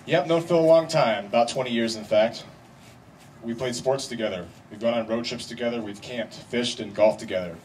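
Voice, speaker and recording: A man of average pitch gives a best man's wedding speech. He speaks wryly and deliberately, leaving pauses for effect. The mic is some distance away, and clear background noise from the event surrounds his voice. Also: a little mellow. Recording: distant mic, noisy live event ambience.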